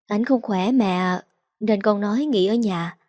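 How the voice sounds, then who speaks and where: A woman's voice: medium pitch, measured pace, dark tone, dry recording, clean studio sound, natural voice. A woman reading the part of a distressed, anxious young wife.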